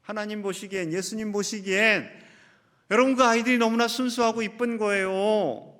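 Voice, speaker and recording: A male senior pastor giving a Sunday sermon, speaking straight to the congregation with questions and reading scripture slowly and emphatically. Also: high voice, steady tone, a bit bright. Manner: addresses the congregation directly with questions. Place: church sanctuary. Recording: long hall reverb of a church.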